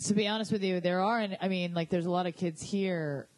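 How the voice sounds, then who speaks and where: A woman comedian telling stories in a casual podcast chat, chatty and animated. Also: on the low side, brisk. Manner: chatty storyteller, animated asides.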